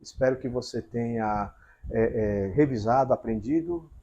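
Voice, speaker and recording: Husky guy teaching at a whiteboard, walks through it step by step, keeps checking if you got it. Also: mid-range voice, normal speed, mellow, lo-fi sound. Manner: explains step by step with frequent check-ins. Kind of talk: whiteboard grammar lesson.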